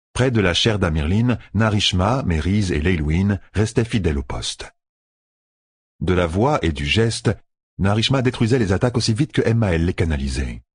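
Deep, husky male fantasy narrator. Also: no echo, studio quality. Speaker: audiobook narrator.

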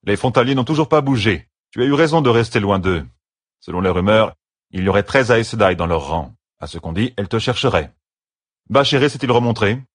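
A man's voice: lowish voice, lively intonation, fairly quick, dry recording, studio quality, pitched above the performer's own voice. A man voicing a brash, proud male warrior who delivers a matter-of-fact report in a fantasy audiobook. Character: Logain, proud dark-haired male warrior.

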